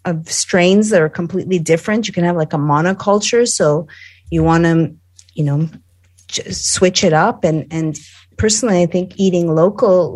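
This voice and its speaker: Chatty woman with a lowish voice. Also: darkish tone. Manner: enthusiastic, chatty with restarts. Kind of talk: casual panel discussion.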